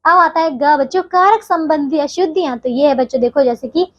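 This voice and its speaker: A woman's voice: sits high, a little fast, lo-fi sound. A woman teaching a grammar lesson to young children, patient and explaining step by step, often checking that they follow.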